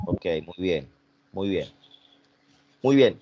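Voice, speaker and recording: A man's voice: low-pitched, expressive, slow pace, mellow, highs cut off. A man teaching an online class, repeating himself and questioning students.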